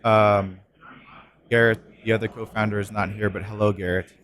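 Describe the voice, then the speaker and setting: A man's voice: fairly low pitch, little pitch movement, moderate pace, a bit bright. Rambling man on a casual podcast. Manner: rambling, many fillers and restarts. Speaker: podcast co-host.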